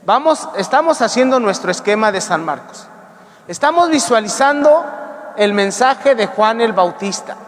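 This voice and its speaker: A priest giving an emphatic Bible-teaching sermon, putting rhetorical questions to his congregation and slowing down to stress key words. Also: sits high, in a large hall. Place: church sanctuary.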